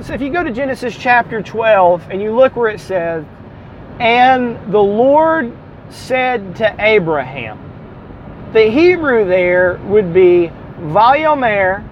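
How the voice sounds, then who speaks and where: Southern man teaching a Bible class, talks in a fairly high register, explains patiently, dull recording. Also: a little hiss or hum. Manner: explanatory, spells out letters, self-correcting asides. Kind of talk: classroom lecture.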